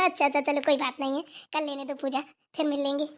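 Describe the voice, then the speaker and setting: A woman's voice: sits high, fairly even intonation, brisk, fairly bright tone. A woman voicing an affectionate, chatty village mother visiting her daughter in a cartoon. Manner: affectionate, laughs easily. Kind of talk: cartoon voice acting.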